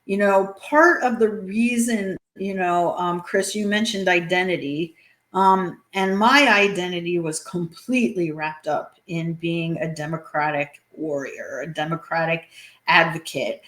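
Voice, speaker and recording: A woman's voice: on the low side, a little slow, fairly bright tone, roomy sound. A woman being interviewed as an author, talking earnestly, with many fillers and restarts. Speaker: guest author. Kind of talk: interview conversation.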